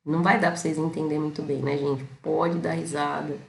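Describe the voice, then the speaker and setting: A Brazilian self-knowledge channel host narrates a story to her viewers in a low, level, brisk and gravelly voice, with a roomy sound and slight hiss or hum. The talk is chatty and casual, peppered with tag questions to the audience.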